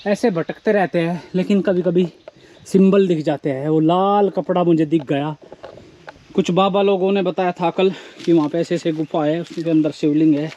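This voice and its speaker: High-voiced man vlogging on a forest hike. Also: steady tone, normal speed, warm tone, slight background noise. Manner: reflective, musing, philosophical asides; talks while hiking barefoot uphill. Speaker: travel vlogger. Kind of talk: casual walking vlog narration. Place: outdoors on a forested hillside.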